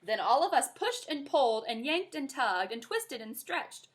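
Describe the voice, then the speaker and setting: A woman reading a children's book aloud in an expressive, animated way. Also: high-pitched, moderate pace. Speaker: reader.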